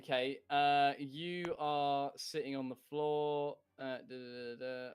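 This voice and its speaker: A man running a tabletop role-playing game as game master, talking in a relaxed way with many fillers. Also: medium pitch, slow, clean tone, no room sound.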